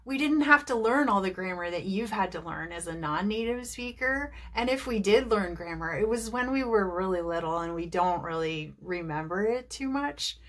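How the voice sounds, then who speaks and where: Her voice is medium in pitch, animated and a bit bright, moving at normal speed with few pauses. She's an American English teacher from New Jersey recording a video lesson to camera, chatty and encouraging as she offers tips and asks rhetorical questions.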